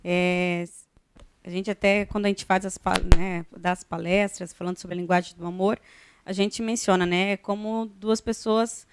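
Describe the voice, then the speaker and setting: Clear-voiced Brazilian woman, dry close sound. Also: medium pitch, no echo. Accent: Brazilian Portuguese. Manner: conversational, frequent "né" tags. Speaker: guest, pastor's wife. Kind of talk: church TV interview.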